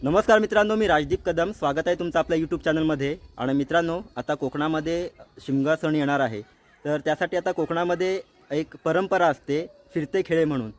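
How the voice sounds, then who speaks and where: A man's voice: a little high, brisk. A man from Konkan in Maharashtra who hosts a vlog, introducing it to camera in a friendly, casual way and speaking straight to his viewers. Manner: friendly, direct address to viewers. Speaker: vlog host.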